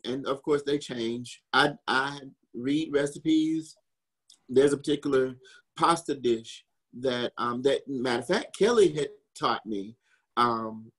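Man, from the American South, chef and historical interpreter, relaxed Q&A, wry, laughing asides. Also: mid-range voice, slightly rough, rough recording. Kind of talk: casual Q&A answers.

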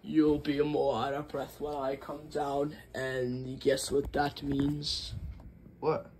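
A woman voicing a menacing dark baby alien villain in a toy skit, low and hushed. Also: level tone, takes it slowly, slight background noise, poor audio.

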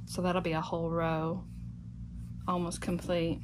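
Working in her indoor home sewing room, a middle-aged woman who teaches quilting narrates an informal step-by-step tutorial, thinking aloud along the way. She speaks unhurriedly in a lowish, flat voice, on a clearly noisy recording.

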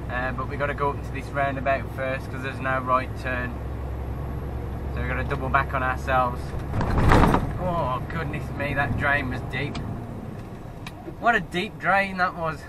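Young British male truck driver, upbeat and chatty, recorded in the cab over clear road noise. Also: medium pitch, steady tone, measured pace, long pauses. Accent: British English. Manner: chatty, upbeat commentary to viewers. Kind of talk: casual driving vlog. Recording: road and engine noise behind.

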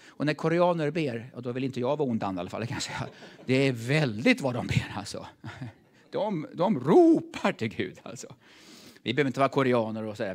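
A man with a Swedish accent preaching a sermon in a church, emphatic and repeating words, dropping from loud calls to hushed tones. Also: on the high side. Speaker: pastor. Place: church hall.

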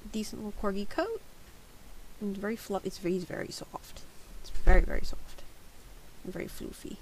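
A woman's voice: mid-range voice, gravelly, a little mellow, slight background noise, rough recording. A woman hosting a casual crafting livestream, talking in a rambling, chatty way with frequent restarts. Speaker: livestream host. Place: home crafting stream.

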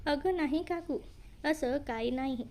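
A woman's voice: high-pitched, a little slow, darkish tone, a little hiss or hum. A woman voicing a shy, nervous young man in a read-aloud story, speaking hesitantly.

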